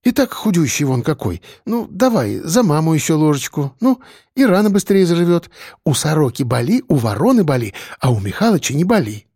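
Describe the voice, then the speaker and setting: A doting woman who fusses and scolds in a raised, bright-edged pitch, as a male narrator puts her on. She chides and coaxes with lively swings of tone, in a dry, close audiobook recording. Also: a little fast, breathy edge, dry recording, exaggerated voice. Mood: doting, chiding. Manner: chiding, doting. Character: fussing caring woman feeding a patient.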